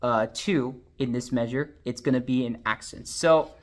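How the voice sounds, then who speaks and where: A man's voice: mid-range voice, moderate pace. A man teaching drumline sheet music, explaining patiently and counting and singing the rhythms aloud. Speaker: drumline instructor.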